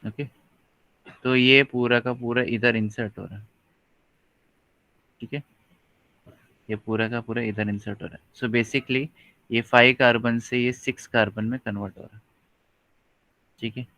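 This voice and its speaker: A man teaching a college biology lecture, pausing often with fillers and checking that students follow. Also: mid-range voice, steady tone, sharp tone, no echo. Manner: slow, hesitant, many fillers, checks understanding often. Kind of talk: live online lecture in Hindi-English mix. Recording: dry, dull lo-fi mic.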